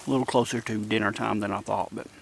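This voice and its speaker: Man, gravelly low voice, easygoing camping vlogger talking to camera outdoors. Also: slight background noise. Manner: relaxed, chatty, talks to viewers while snacking. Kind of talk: casual camping vlog chat. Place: outdoors in the woods at a campsite.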